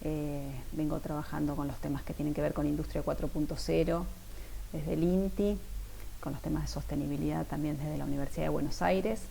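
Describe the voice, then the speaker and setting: A woman's voice: low-pitched, fairly even intonation, fairly quick, vocal fry, warm tone, a little hiss or hum, low-quality recording. An Argentine woman, an industrial designer, giving a conference keynote talk with many fillers and restarts. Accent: Argentine Spanish.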